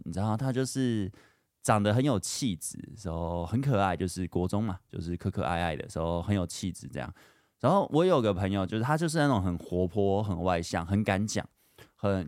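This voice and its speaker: A man's voice: lowish voice, no room sound, studio quality. A young man, hosting a podcast and telling personal stories in a chatty, candid way full of fillers. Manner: chatty and candid, lots of fillers, animated when retelling. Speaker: podcast host. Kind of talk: casual storytelling monologue.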